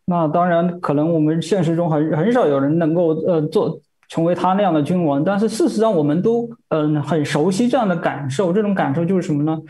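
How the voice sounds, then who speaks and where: A man's voice: a little high, brisk, few pauses, warm tone. A man interpreting a sermon phrase by phrase, hesitant, with many fillers and repeated words.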